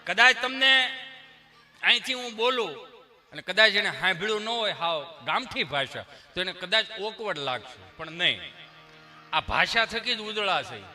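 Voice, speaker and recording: A male comedian with a Kathiawadi Gujarati accent, spinning folksy yarns in rustic dialect on a live stage. His voice is high and very bright. He speaks into a stage mic. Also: expressive, a little slow. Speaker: stand-up comedian. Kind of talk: live stand-up storytelling. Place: stage before a live audience.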